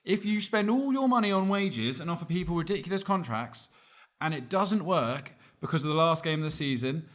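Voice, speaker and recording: A young man ranting animatedly as co-host in a football debate chat. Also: fairly high pitch. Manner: ranting, animated, quick asides. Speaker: podcast co-host.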